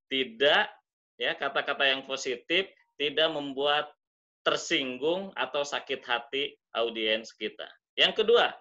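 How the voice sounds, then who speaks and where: A man teaching public speaking in an online webinar, demonstrating intonation by deliberately swinging his pitch and pace. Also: sharp tone, highs cut off. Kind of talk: webinar lesson.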